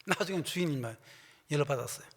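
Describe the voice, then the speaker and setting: A man preaching as a pastor, telling a story and acting out the voices of the people in it, swinging from loud bursts to hushed asides. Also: a little high, lively intonation, fast. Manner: storytelling, acting out both sides of conversations. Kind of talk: sermon with anecdote and quoted dialogue. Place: church sanctuary. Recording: long church hall reverb.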